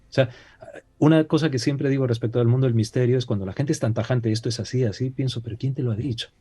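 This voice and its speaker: A Peruvian man with a Peruvian Spanish accent appears as a talk-show guest, speaking fast in a medium-pitched, mellow, slightly rough voice. In this casual discussion he's reflective, with many hesitations and rhetorical questions.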